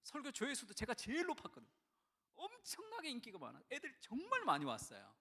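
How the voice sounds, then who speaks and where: Animated, high-pitched male pastor preaching. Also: fast, slightly rough, long reverb tail. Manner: animated storytelling, acts out quoted voices, wide swings from hushed to loud. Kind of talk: sermon. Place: church sanctuary.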